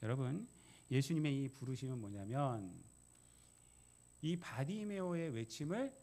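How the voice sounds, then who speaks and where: A male pastor preaching a sermon, emphatic, repeating key phrases and putting questions to the congregation. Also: on the high side.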